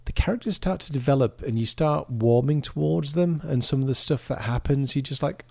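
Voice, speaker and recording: A man's voice: mid-range voice, a little fast, gravelly, a little mellow, dry recording. Chatty man, dry close sound. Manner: rambling, chatty, self-interrupting. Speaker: podcast co-host. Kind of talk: casual chat.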